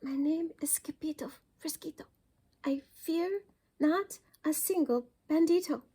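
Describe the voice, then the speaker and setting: A woman voicing an excitable little storybook kitten who plays a heroic sword-fighting dog, with dramatic, Spanish-sprinkled exclamations. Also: high voice, measured pace, voice pushed up. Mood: bravely defiant.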